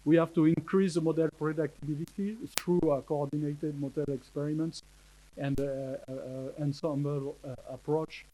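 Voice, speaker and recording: A man with a French accent, a native French speaker, giving a conference presentation in English, halting, with many fillers and restarts. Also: on the high side, fairly even intonation, warm tone, poor audio. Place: conference hall.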